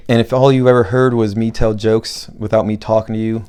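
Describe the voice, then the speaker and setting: A man from Buffalo, New York, hosting a podcast and talking in a rambling, casual solo monologue. He deliberately slows his speech, with frequent restarts. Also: on the low side, little pitch movement, mellow, smooth. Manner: talks slowly on purpose, rambling with restarts. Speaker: podcast host and comedian.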